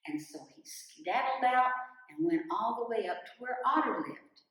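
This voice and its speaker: A woman telling a folktale as a storyteller, in a slow, lively narrating voice. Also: fairly high pitch. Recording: roomy echo, distant mic.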